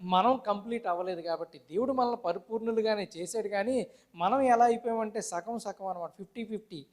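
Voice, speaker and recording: A man's voice: high voice, brisk, a little mellow. A male pastor preaching a sermon, asking the congregation questions and calling for amens. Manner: call-and-response, asks congregation questions and amens; mixes English words into Telugu preaching.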